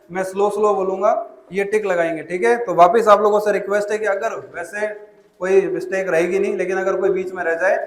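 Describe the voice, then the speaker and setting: A man with a notably high voice leads a classroom demonstration, instructing the students directly and calling them child. He is recorded in a school hall with a lot of echo bouncing around him. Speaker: memory trainer presenting a school seminar. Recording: echoey hall.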